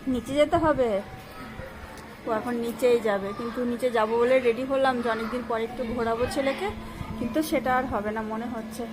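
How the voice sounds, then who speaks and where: A chatty young mother vlogging from her apartment with a slightly high voice, talking straight to viewers and cooing at her little son. Background music runs clearly under her phone-recorded voice. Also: normal speed, long pauses. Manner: chatty, addresses viewers directly, coos to her child. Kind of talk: casual home vlog chat. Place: apartment home during rain.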